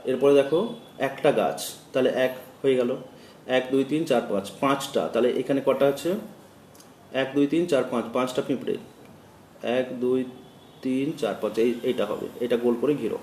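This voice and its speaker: A man's voice: mid-range voice, a little mellow. Echoey, distant male teacher. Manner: chanting drills, counts aloud slowly. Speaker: primary school teacher. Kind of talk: children's lesson on counting and letters. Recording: echoey room from a distance, faint ambient noise.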